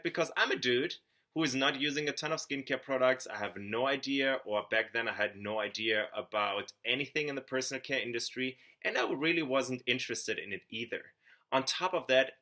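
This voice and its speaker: A young man with a German accent talks straight to camera, pitching his business in an earnest, upbeat way. His voice is bright and forward, and he trips over a word now and then and restarts. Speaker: network marketing consultant. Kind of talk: scripted sales pitch to camera.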